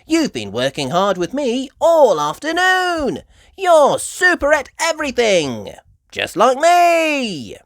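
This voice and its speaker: A woman's voice: high voice, huge pitch swings, takes it slowly, no room sound, clean studio sound, pitched above the performer's own voice, exaggerated voice. A woman voicing a busy, upbeat grown-up lady rabbit who encourages emphatically in a children's storybook read-aloud. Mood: encouraging.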